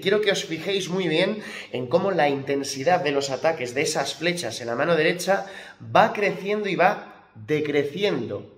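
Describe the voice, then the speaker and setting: Emphatic guitar teacher, roomy sound. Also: male voice, fairly high pitch. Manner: emphatic, repeats key points, vocalizes strum rhythms. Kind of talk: guitar lesson explanation. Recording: roomy echo with acoustic guitar.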